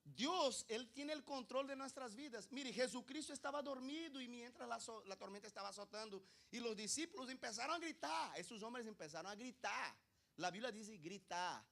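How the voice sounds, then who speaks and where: High-voiced man preaching a lively sermon. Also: normal speed, gravelly. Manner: animated preaching, swings from quiet asides to loud emphasis; rhetorical questions to the congregation. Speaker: pastor.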